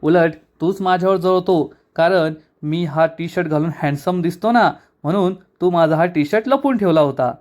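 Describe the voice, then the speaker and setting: A vain young man who bristles and snaps back at every jab, read out by a man recapping a serial. He sounds irritated and defensive, in a slightly high everyday voice. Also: normal speed, hardly any pauses, a little mellow, lightly acted. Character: touchy young man who thinks himself handsome.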